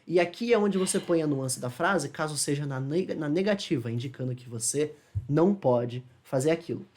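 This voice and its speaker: A man with a Brazilian Portuguese accent runs a friendly English lesson. He speaks in a loose, chatty way, slowing down to demonstrate short English phrases and tossing in quick checking questions. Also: a little high, expressive, darkish tone. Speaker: English teacher. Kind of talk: casual explanatory lesson.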